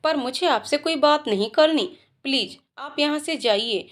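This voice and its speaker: A woman's voice: sits high, unhurried. A woman voicing a shy, bashful young female student who teases in a told story. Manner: shy, soft-spoken. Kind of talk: storytelling voices.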